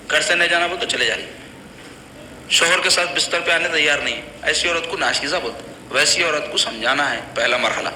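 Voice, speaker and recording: A man's voice: fairly high pitch, pushed and bright. A man giving an earnest, admonishing religious lecture to a congregation. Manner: earnest, admonishing, plain conversational phrasing. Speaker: Islamic preacher. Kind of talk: religious lecture on child upbringing. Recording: echoey hall with faint noise.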